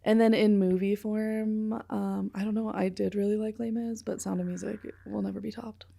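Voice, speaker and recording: A woman's voice: medium pitch, little pitch movement, normal speed, creaky, mellow. A woman co-hosting a podcast in casual chat, easygoing and giving short agreeing replies. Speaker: podcast co-host.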